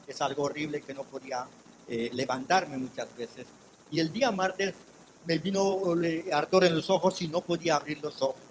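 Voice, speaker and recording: A man's voice: a little high, slight background noise, poor audio. An older man, preaching an emotional testimony sermon in a church. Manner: emotional testimony, swinging from quiet to loud. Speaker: missions pastor.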